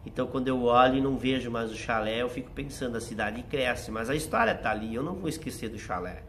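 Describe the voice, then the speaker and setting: A quick-paced middle-aged man with a medium-pitched, fairly bright voice, heard over slight background noise. He comes from southern Brazil, and his Rio Grande do Sul accent has a German-settler lilt. Interviewed casually as a guest theater writer and actor, he reflects nostalgically on his stories, saying "né" again and again.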